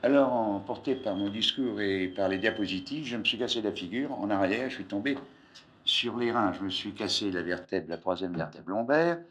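On an old archive tape, an older scientist gives an informal, rambling public lecture from a raised platform in a lecture hall, often breaking off mid-phrase. His lowish voice moves at a normal speed with a slightly bright tone, and there's a little background noise.

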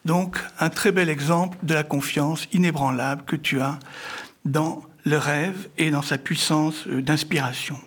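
Husky guy giving a formal book talk, kinda high voice, lots of halting pauses. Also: steady tone, fairly bright tone. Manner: hesitant, halting, formal and literary phrasing. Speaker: speaker introducing an author's book. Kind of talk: semi-prepared public book presentation.

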